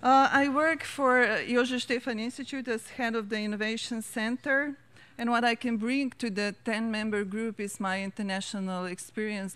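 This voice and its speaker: A woman introduces herself formally to a panel in a steady, earnest manner. Her voice is smooth and clear, with the occasional slip of the tongue. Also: medium pitch. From Slovenia. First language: Slovenian. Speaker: panel member.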